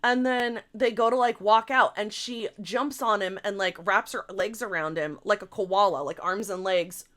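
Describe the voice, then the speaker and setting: A woman podcast co-host in casual chat, retelling a story in an animated, gossipy way, full of "like" and casual swearing. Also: medium pitch, normal speed, hardly any pauses.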